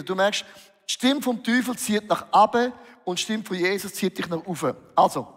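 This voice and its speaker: Male preacher, emotive and animated, raised pitch, recorded in a reverberant hall. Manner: lively, emotional, acts out dialogues with Jesus. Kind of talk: sermon.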